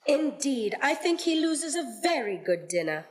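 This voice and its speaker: A woman's voice: high voice, very animated, measured pace, slight background noise. A woman playing a firm, frank young wife and mother in a radio play. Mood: disapproving.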